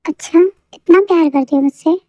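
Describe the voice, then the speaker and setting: A woman's voice: very high-pitched, brisk, warm tone, dry recording. A woman voicing a bossy pouting young wife. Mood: scolding. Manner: scolding, pouty, dramatic. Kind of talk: fan audio story. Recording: dull lo-fi dry recording.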